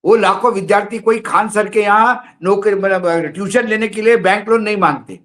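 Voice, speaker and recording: A man's voice: high-pitched, moderate pace, fairly bright tone. A man commenting on politics in a studio discussion, heated and rhetorical, repeating his points.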